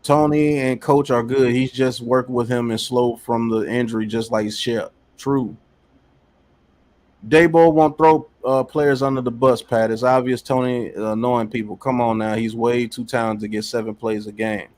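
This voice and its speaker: Hosting a laid-back sports podcast, this man speaks in a mid-range voice at a moderate pace. He reads chat comments aloud and pushes his arguments with animated emphasis, often repeating himself.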